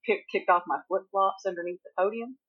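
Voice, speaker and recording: A woman's voice: medium pitch, steady tone, fairly quick, dull audio. A woman with a Southern accent from Appalachia, a writer telling stories in a casual conversation with many restarts and laughs. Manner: chatty storyteller, laughs often, many restarts. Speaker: guest writer.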